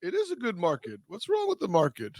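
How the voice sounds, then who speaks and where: A man's voice: sits high, wildly swooping pitch, fast talker, darkish tone, no room sound, studio quality. A man hosting a casual podcast over a video call, teasing his co-host with playful questions.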